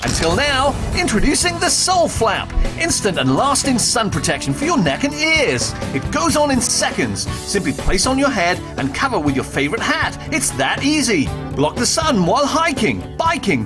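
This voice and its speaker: A woman's voice: a little high, wildly swooping pitch, normal speed. A woman reading an upbeat product infomercial as announcer. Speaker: commercial announcer. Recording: music bed behind voice.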